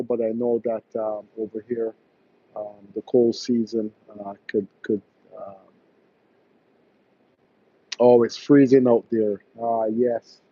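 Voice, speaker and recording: A Barbadian man, an electrician, hosts a live stream and chats casually with viewers, hesitating often with plenty of fillers and restarts. His voice sits in the mid range, and the recording is muffled with no room sound.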